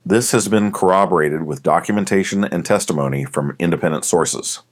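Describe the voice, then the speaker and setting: A man narrating an audiobook in a measured, deliberate reading. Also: low-pitched, dry recording, studio quality. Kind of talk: scripted narration.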